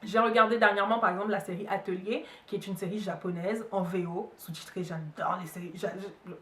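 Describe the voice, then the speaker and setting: A woman's voice: mid-range voice, steady tone, a little fast, fairly bright tone. Chatty young woman in an echoey room. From Cameroon. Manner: chatty, with many fillers and asides. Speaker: beauty and hair vlogger. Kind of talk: casual review chat to camera. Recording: roomy echo, mic a bit far.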